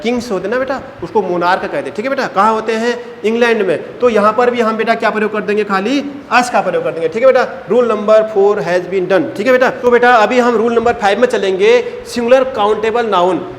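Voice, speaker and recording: A male teacher with a fairly high voice and drills a class through grammar rules. He keeps asking and answering his own questions, calling the students beta. The sound is a roomy classroom with a long reverb tail and faint background noise. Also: a little fast, hardly any pauses.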